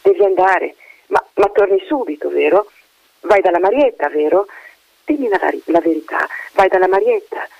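A man's voice: high voice, expressive, normal speed, vocal fry, dry recording, voice pushed up, heavily acted. A man voicing an anxious mother who pleads with her soldier son, her questions coming one after another. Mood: pleading. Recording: dull lo-fi radio recording.

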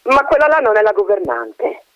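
A man's voice: high voice, big pitch swings, moderate pace, no echo, pitched above the performer's own voice. A man voicing a stern woman of about fifty, a charity patroness, in a falsely sweet and prying tone. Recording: dull dry recording.

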